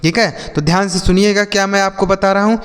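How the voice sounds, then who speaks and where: A man's voice: high voice, level tone, quick pace, a bit bright, smooth, long reverb tail. A man hosting a spoken English lesson, spelling words out letter by letter, repeating and quizzing his students, whom he calls children. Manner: addresses viewers as children and brother. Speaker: English teacher, channel host.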